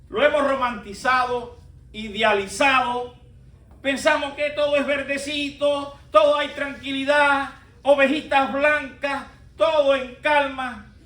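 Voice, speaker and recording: A man preaching a sermon as pastor, speaking with emphatic pauses and rising stresses. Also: sits high, fairly bright tone. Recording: roomy echo from a distant mic.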